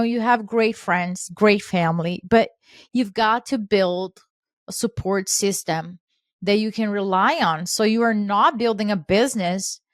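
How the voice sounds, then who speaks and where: A woman co-hosting a podcast, talking earnestly in a coaching manner and voicing quoted lines with lively emphasis. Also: mid-range voice, no echo, studio quality. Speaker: podcast co-host. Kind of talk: casual podcast conversation.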